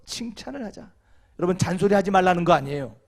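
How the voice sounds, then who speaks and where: A man with a high voice delivers a church sermon and keeps throwing questions back to his congregation. His tone is playful. He jumps from emphatic bursts to hushed, almost whispered asides. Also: animated, fast. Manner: call-and-response questions to the congregation. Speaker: senior pastor. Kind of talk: sermon at a marriage seminar. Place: church sanctuary.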